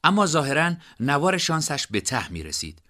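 Lively male audiobook narrator. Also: fairly high pitch. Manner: expressive storytelling.

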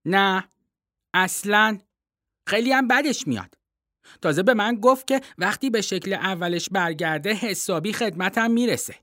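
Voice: mid-range voice, sharp tone, no echo, clean studio sound, pitched above the performer's own voice, close to an everyday voice. A storybook reader voicing an earnest, argumentative young schoolboy, pleading and defensive. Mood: insistent. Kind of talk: storybook reading.

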